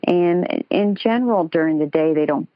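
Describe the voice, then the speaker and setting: Woman calling into a radio show, very low voice through a thin phone line, chatty and hesitant. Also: normal speed, no echo. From United States. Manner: chatty, hesitant, laughs lightly. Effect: phoned-in caller on a radio show. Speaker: caller.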